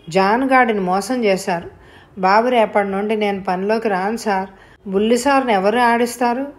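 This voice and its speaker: A woman's voice: medium pitch, natural voice. A woman voicing John, an eager male servant who is breathless and pleading as he speaks.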